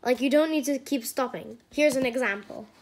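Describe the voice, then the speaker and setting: A woman's voice: high voice, moderate pace. A woman hosting a comedic slime skit, exasperated and sarcastic, with lots of fillers. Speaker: channel owner.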